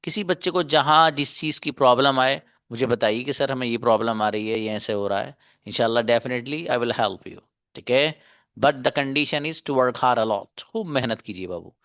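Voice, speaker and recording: A man with an Indian accent teaches an English class in an easy, storytelling way, coaxing his students along. His voice sits at an ordinary pitch and sounds close and dry, with no room around it. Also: moderate pace, no echo. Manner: relaxed storytelling, coaxing and encouraging, mixes English into Hindi. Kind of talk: casual Hindi class talk with English drills.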